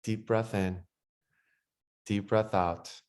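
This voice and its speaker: Calm low-voiced man guiding meditation. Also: clear, resonant tone. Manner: slow, soothing spoken instructions; softer and quieter in relaxation passages. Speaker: meditation guide. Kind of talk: guided breathwork meditation.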